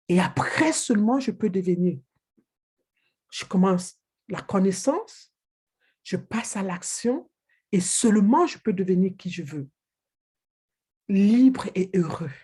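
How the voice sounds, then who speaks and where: A woman's voice: mid-range voice, darkish tone, husky. A woman giving a motivational training talk, emphatic and direct, repeating her key phrases to the listener. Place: living in England.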